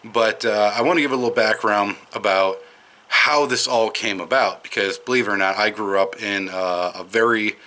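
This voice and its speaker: Wisconsin guy rambling on a smoke break outside, kinda low voice but bright and forceful, lots of ums and restarts. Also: normal speed. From Madison, Wisconsin, USA. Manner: rambling, with frequent fillers and restarts. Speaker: video commentator. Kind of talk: casual unscripted monologue. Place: outdoors.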